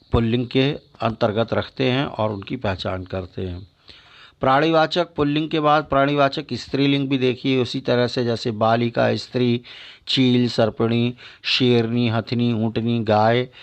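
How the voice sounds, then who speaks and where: Male schoolteacher explaining grammar, patient and deliberate, lists examples one by one; dull, muffled recording. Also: medium pitch. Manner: slow, deliberate listing of example words; repeats "है ना" to check understanding. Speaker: teacher. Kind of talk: grammar lesson.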